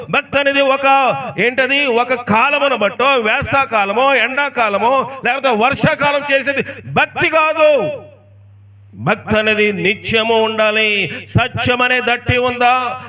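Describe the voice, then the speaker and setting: A man's voice: very high-pitched, pushed and bright. A man preaching an emphatic sermon, firing off rhetorical questions and telling stories. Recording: distant, dull lo-fi sound.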